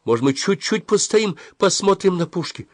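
A man's voice: high-pitched, lively intonation, normal speed, dry recording, voice pushed up. A man voicing a stubborn, sulky teenage boy in an audiobook. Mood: whiny pleading. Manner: insistent, sulky.

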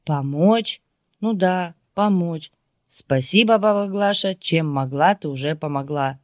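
A gruff young husband barks orders in a harsh, furious voice, as a woman reads him in a storybook. He stays loud and forceful throughout. The sound is dry and close, with no room around it. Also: lowish voice, unhurried, no echo, close to an everyday voice.

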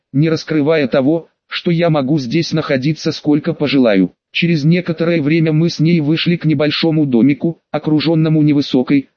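A man reads a first-person audiobook in a steady, even voice. His voice sits a bit high for a man. The recording is dry and dull, with no room around it. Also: no echo. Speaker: audiobook narrator.

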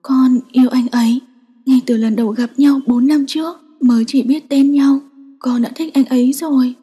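A woman voicing an emotional pregnant young woman who speaks in a high, trembling, pleading voice. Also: fairly even intonation, normal speed, warm tone, breathy edge, long reverb tail. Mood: tearful.

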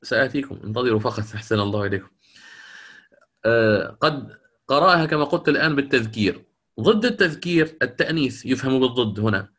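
A man lectures on Quran recitation in a medium-pitched, sharp-toned voice. He explains the rules, asks the class questions that he then answers himself, and chants verses slowly as examples.

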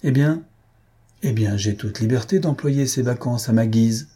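A man's voice: medium pitch, measured pace, husky. Man reading a polite, clever schoolboy. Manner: soft-spoken, infinitely polite. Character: polite, clever teenage schoolboy posing as reporter. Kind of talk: audiobook character reading.

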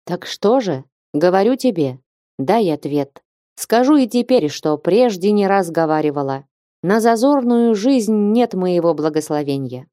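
A dignified old abbess speaks slowly and weighs every word, as a female narrator puts her on. Her voice is low and mellow, and the recording is dry and close. It fits a storybook reading. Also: expressive, dry recording. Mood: tender. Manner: slow, grave, measured speech. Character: stern but loving elderly abbess. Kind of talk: audiobook character reading.

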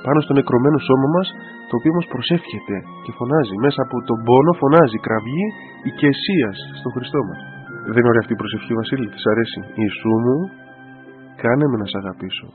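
A man, an Orthodox priest, gives an informal radio sermon and talks directly to the listener in an animated way. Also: medium pitch. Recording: tinny phone-like radio audio with faint music.

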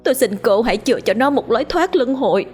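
A woman's voice: fairly high pitch, animated, fast, a little mellow, slightly rough, soft background music, voice pushed up. A woman voicing a remorseful young wife who pleads through tears in a ghost story. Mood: pleading. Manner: tearful, begging.

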